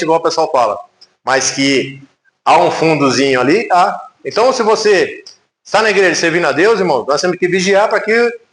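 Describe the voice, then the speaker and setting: Brazilian pastor guy preaching, fairly high voice, big echoey church. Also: a bit bright. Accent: Brazilian Portuguese. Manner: conversational, emphatic preaching with rhetorical questions. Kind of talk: sermon. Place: church sanctuary.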